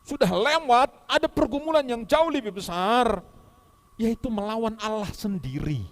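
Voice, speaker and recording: High-voiced man preaching a sermon. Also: lively intonation, moderate pace. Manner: emphatic, swings between soft asides and loud exhortation. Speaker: pastor.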